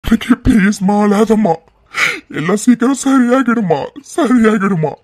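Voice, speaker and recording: A voice actor playing a calm family man in a cartoon, speaking in a soothing, gentle way. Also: mid-range voice, measured pace. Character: calm, comforting family man consoling his crying wife.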